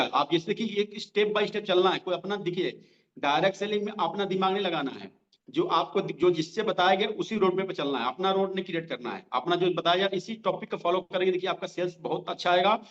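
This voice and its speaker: A man running a direct selling training session, talking directly to his listeners and repeating each line slowly so they can write it down. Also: high-pitched. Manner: repeats lines slowly for note-taking; conversational, addresses listeners directly. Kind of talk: sales training lesson. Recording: dull lo-fi sound.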